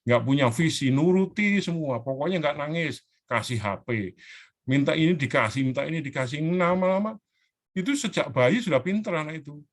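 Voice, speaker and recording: A man's voice: a little high, normal speed. Earnest man teaching parents in an online class. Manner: earnest, animated, acts out children's pleas. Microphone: video call.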